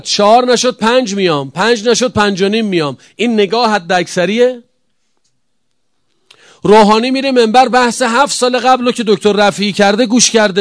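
A man preaching a religious sermon, emphatic, firing rhetorical questions and swinging between loud calls and hushed answers. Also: sits high, dry recording, studio quality.

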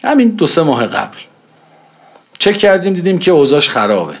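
A man's voice: on the high side, sing-song. A man preaching in a conversational way, telling anecdotes and acting out the dialogue in them. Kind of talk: storytelling religious talk.

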